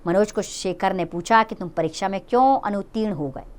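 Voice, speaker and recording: A woman's voice: mid-range voice, brisk. A woman with a Hindi accent teaching a grammar lesson to children, friendly and explanatory, speaking to them directly.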